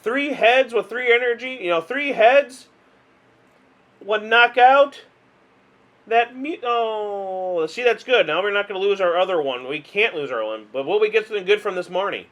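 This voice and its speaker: Male card game host, high voice, casual exasperated play-by-play with self-deprecating laughs. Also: animated, normal speed, a bit bright. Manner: chatty, exasperated, self-mocking; hums and sighs, laughs at himself. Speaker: gaming video host.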